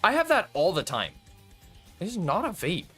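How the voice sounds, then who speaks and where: A man's voice: high-pitched, wildly swooping pitch, normal speed, fairly bright tone, husky, faint music behind. A man chatting casually and rambling to his viewers while streaming a game, swearing and laughing often. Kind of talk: casual gaming stream chat.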